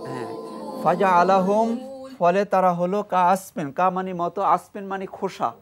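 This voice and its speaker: A man teaching Quran reading on a TV lesson, spelling out each letter and vowel mark and having a group of children repeat after him, now and then reciting the verse in a slow, drawn-out way. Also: high-pitched, steady tone, music in the background. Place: TV studio with a children's class. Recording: broadcast studio with a group of children. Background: children chanting along.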